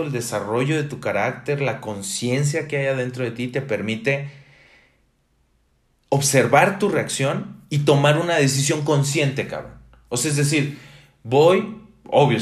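A young man with a Mexican accent talks slowly and deliberately, blunt and emphatic, dropping profanity freely. His voice sits in a middle pitch. The recording carries a noticeable room echo. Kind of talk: casual reflective monologue. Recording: roomy echo.

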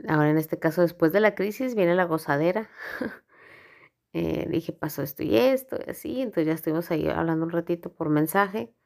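A woman's voice: fairly low pitch, fairly quick, gravelly. A woman telling a personal story in a casual, frank way, full of filler words. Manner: frank, rambling, heavy use of filler words.

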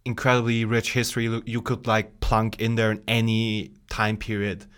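A man co-hosting a gaming podcast in relaxed chat, tired and rambling with plenty of fillers and restarts. His voice is smooth and resonant and sits a little low. He grew up in Bosnia and Herzegovina. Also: moderate pace. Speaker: podcast co-host. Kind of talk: casual chat.

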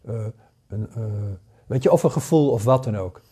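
A man's voice: medium pitch, lively intonation, moderate pace, mellow, breathy edge. A man, teaching a casual spoken lesson, hesitating often with fillers and restarts. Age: 60s. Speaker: paranormal course teacher.

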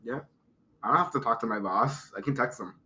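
A young man co-hosting a podcast, making measured, explanatory points in casual chat. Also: medium pitch, pushed and bright, a little hiss or hum. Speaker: podcast co-host.

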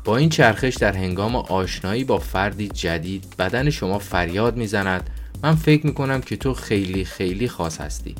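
A man with a very low voice reads an audiobook aloud. His delivery is calm and even, and soft music plays faintly behind him. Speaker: audiobook narrator. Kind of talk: audiobook narration.

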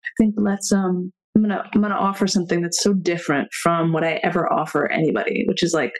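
A woman's voice: fairly low pitch, steady tone, fast talker, poor audio. A woman hosting a podcast, closing a heartfelt conversation with her guest. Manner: heartfelt, searching for words. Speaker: podcast host. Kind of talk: emotional conversation.

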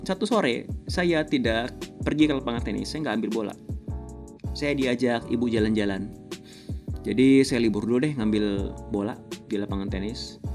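A man, hosting a podcast and telling a personal story in a casual, animated way, chuckling often. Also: mid-range voice. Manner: animated, chuckles often, acts out quoted voices. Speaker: podcast host.

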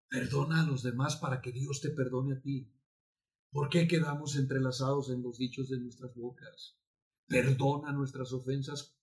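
Man, pastor preaching from the altar, fervent, repeats lines for emphasis, mid-pitched voice. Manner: emphatic preaching with repetition and sudden loud outbursts. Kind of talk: sermon. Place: church altar.

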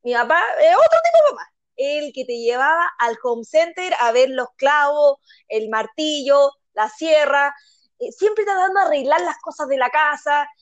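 Chilean woman chatting, high voice, acts out the quotes, laughs a lot, dry mic. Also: animated, normal speed, no echo, dull audio. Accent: Chilean Spanish. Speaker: podcast co-host. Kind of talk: casual storytelling chat.

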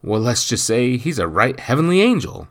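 A man voicing a portly, nosy villager who blusters loudly through mouthfuls of food. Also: medium pitch, big pitch swings, moderate pace, pitched above the performer's own voice. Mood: blustering. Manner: loud, blustering, talks with his mouth full.

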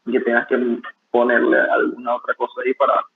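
A young man, a barista, talking casually in an interview, relaxed and rambling with many restarts. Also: mid-range voice, brisk, vocal fry. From Venezuela. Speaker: barista guest. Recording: tinny phone-like call audio.

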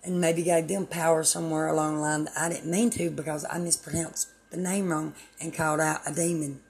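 A woman's voice: deep voice, slight background noise. A woman host delivering a rambling, preachy spiritual monologue on her own channel, meandering and self-deprecating.

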